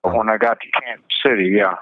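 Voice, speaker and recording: A man, an inmate interviewed over a prison phone line, giving terse, halting short answers. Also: fairly low pitch, fairly even intonation, dry recording. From Missouri.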